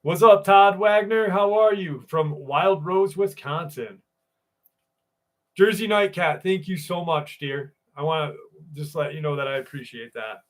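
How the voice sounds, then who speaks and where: With a fairly high-pitched voice and an unhurried delivery, a man hosts a casual live stream. He swaps loose, profane stories and calls out to viewers by name as he chats.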